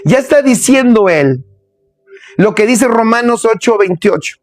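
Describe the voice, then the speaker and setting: A man's voice: high voice, animated, unhurried, no room sound, faint music behind. A man preaching a sermon, emphatic and repetitive, speaking straight to his listeners.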